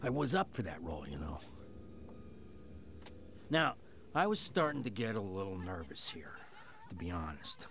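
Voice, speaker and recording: An actor voicing a smug, foul-mouthed, gleefully sadistic killer doll with a raspy voice, giving gloating in-character commentary on a film. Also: male voice, very deep voice, sing-song, fast, few pauses, slight background noise, heavily acted. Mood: sardonic, menacing. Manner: gloating, sardonic, profane.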